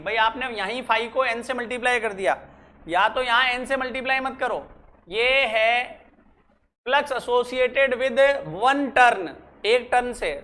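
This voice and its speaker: Physics teacher dictating slowly. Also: mid-range voice, sharp tone. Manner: dictates slowly, repeats phrases, quizzes students. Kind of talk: classroom lecture mixing Hindi and English.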